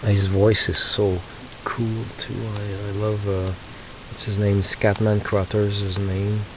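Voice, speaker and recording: Showing off what he picked up at a flea market, a fifties-aged man speaks in a slightly low, flat voice. His talk is halting and rambling, packed with fillers and restarts, on a slightly muffled recording with faint hiss.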